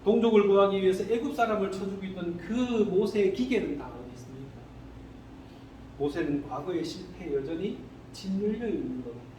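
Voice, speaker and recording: Male pastor, sermon, high lively pitch, echoey room with faint hiss. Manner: animated, asks the congregation rhetorical questions. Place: church sanctuary. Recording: echoey hall, distant mic, faint noise.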